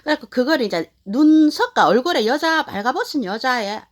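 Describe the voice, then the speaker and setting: Woman in her fifties, casual storytelling, lively swooping voice, rambling with fillers. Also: high voice, a little fast. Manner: animated, rambling with many fillers. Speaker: channel host.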